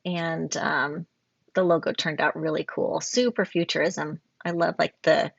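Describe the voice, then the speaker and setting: A woman with a low, gravelly voice talks through student design work in a recorded critique. She praises freely and corrects herself often along the way. The sound is dull and lo-fi, with a dry, close feel. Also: fairly even intonation, unhurried, dry recording. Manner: warm, effusive praise with frequent fillers and self-corrections. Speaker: graphic design instructor.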